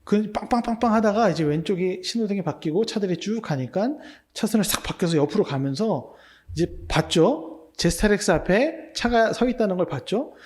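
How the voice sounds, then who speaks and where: A male pastor preaching at a midweek prayer service, his voice a touch higher than most men's. He tells a personal story in an easy conversational way, asks the congregation rhetorical questions, and acts out the thoughts he had at the time. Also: animated, normal speed, a little mellow. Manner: anecdotal storytelling, acting out his own remembered thoughts.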